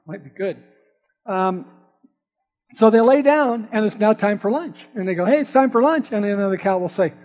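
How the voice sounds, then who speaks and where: This preacher has a high, slightly mellow voice as he tells his audience a playful, folksy story set on a farm, joking with the crowd in between. It's a storytelling sermon, captured as dull audio with long hall reverb.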